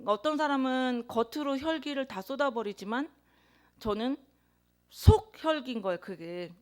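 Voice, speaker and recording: A woman preacher delivering a sermon in a somewhat high voice. She tells her story earnestly and leans into key words with sudden bursts of volume. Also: expressive, moderate pace. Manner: earnest confessional storytelling with emphatic swells; introverted by her own account.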